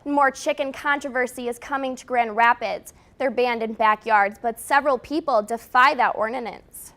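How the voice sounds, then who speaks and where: A woman's voice: fairly high pitch, normal speed, fairly bright tone. An American woman reading scripted television news as the anchor.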